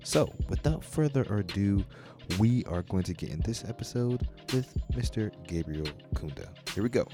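A man's voice: on the low side, expressive, moderate pace, over music. A man hosting a podcast, giving a casual, chatty introduction spoken straight to the listeners. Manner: chatty, direct address to listeners. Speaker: podcast host.

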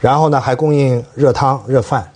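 A man's voice: mid-range voice, fairly even intonation, moderate pace, darkish tone. A man speaking as a panel commentator in casual discussion, bluntly contradicting and explaining.

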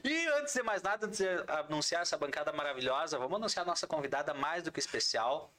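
A man's voice: on the high side, animated, fast talker, crowd noise. A man hosting a live show, announcing sponsors and guests. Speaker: podcast host.

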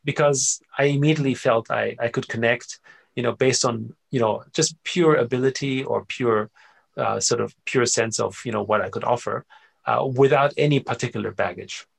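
A middle-aged man from Austria talks as a guest in a relaxed interview. His voice is low-middle, gravelly and a bit husky. He tells stories with plenty of energy and keeps checking in with his listener. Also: normal speed. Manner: animated storyteller, frequent "right?" and "you know" tags. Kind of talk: casual conversational interview.

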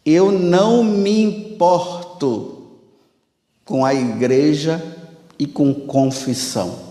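A cocky young soldier, as a preacher puts him on, gives offhand answers. The voice rings with long hall reverb. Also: male voice, on the high side, takes it slowly, dark tone. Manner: offhand, then unsure.

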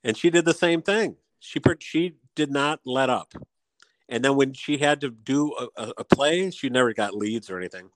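A man's voice: medium pitch, normal speed, dry recording. A man in casual chat, telling stories and laughing often. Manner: chatty storyteller, laughs often.

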